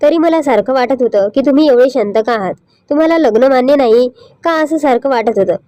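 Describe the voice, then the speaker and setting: A woman's voice: sits high, expressive, brisk, warm tone, dry recording. A woman reading the lines of a young bride who is hurt and questions her husband. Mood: upset. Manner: indignant, pained.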